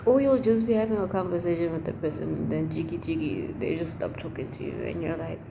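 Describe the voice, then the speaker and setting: Chatty, lowish-voiced young woman with noisy background. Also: fast talker, gravelly. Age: young adult. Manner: chatty, rambling, expressive; emphatic, slangy. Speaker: vlogger. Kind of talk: casual chat to camera. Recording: noticeable background noise.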